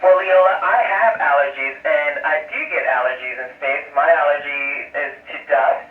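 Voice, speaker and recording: A man speaks over a space radio link in a slightly high voice, answering questions as an astronaut would from orbit. He explains plainly and pauses as he goes. The sound is muffled, echoey and distant. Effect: space radio transmission. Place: aboard a space station. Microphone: ham radio.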